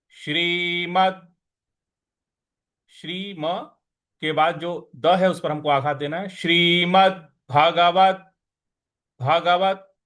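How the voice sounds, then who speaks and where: A man teaching how to pronounce and recite scripture, chanting verses slowly and then explaining each sound step by step. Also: a little high, fairly bright tone. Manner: slow deliberate teaching, drawn-out chanted verses. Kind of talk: slow recitation lesson with chanting.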